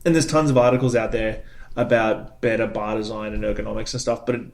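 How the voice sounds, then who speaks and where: A man's voice: lowish voice, steady tone, quick pace, vocal fry. A man in his thirties hosting a casual podcast, rambling chattily and laughing often. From not from Canada. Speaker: podcast host. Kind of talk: casual chat.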